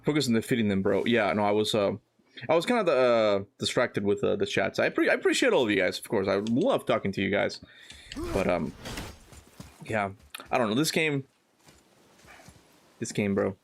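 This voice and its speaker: A Cuban-born gaming streamer chats casually with his viewers while playing, reading chat aloud and laughing often. His fairly low voice is very animated at a normal speed, with vocal fry and long pauses.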